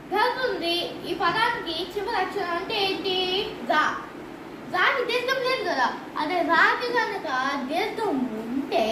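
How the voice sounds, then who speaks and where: A woman teaching patiently and slowly, repeating each point and quizzing the viewer with questions. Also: extremely high pitch. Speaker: Hindi teacher. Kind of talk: slow step-by-step teaching. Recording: roomy, distant from mic, faint noise.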